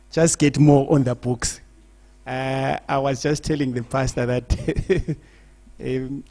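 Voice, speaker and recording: A man's voice: on the high side, warm tone. A man introducing the guest speaker at a church program, chatty and laughing between his phrases.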